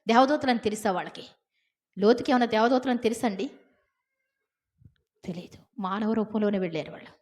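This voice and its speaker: A woman preaching a sermon, telling the story with lively asides to her listeners. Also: a little high, brisk. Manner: animated storytelling with acted quotes and repeated asides to the listeners.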